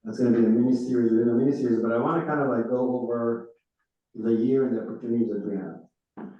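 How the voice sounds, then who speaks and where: A male rabbi whose first language is Hebrew gives his congregation a chatty, informal rundown of upcoming classes. He speaks quickly in a mid-range voice with fairly even intonation. The large synagogue room makes the recording echoey, distant and dull.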